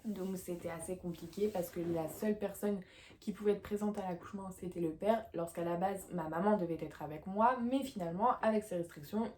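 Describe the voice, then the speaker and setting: A woman's voice: lowish voice, dark tone, slight background noise. A young woman from France, chatting casually to camera in a rambling way, full of fillers and restarts. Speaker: vlogger.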